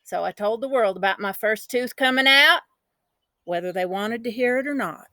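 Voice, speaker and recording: Voicing a spirited, boastful country kid, a woman narrates a storybook with folksy, dramatic emphasis in a fairly high, bright voice, chatty and eager. She speaks at normal speed, and the sound is dry and close with no echo.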